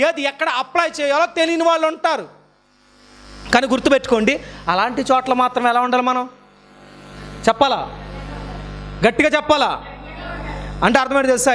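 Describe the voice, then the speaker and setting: High-voiced preaching man. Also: a bit bright, slight background noise. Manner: fires rhetorical questions at the congregation; emphatic, repeats key phrases. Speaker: pastor. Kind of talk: sermon.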